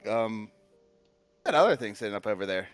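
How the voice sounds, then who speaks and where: A man's voice: on the low side, big pitch swings, fairly quick, dry recording, faint music behind. A man playing a tabletop game, narrating his character's actions.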